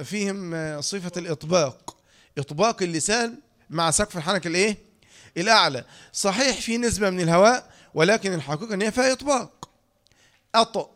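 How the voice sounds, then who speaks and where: Man, Egyptian accent, slightly high voice, tajweed teacher, lecture, demonstrates sounds. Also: a bit bright. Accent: Egyptian Arabic. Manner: demonstrates letter sounds, asks students questions. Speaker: Quran recitation teacher.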